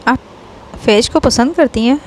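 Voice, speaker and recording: A woman's voice: on the high side, unhurried, a little hiss or hum, close to an everyday voice. Woman voicing a stern teasing sister-in-law. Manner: scolding, mock-angry questioning.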